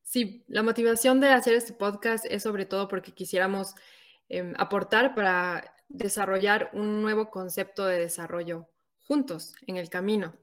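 An Ecuadorian woman in her thirties co-hosts a casual podcast chat, earnest and thoughtful, occasionally correcting herself. Her voice is mid-range, steady in tone, at a normal speed.

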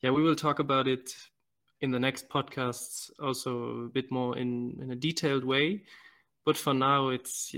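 A man raised in Germany, introducing himself as a podcast co-host in a measured, plain way. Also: medium pitch, steady tone, fairly bright tone. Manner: measured, plain, slightly hesitant.

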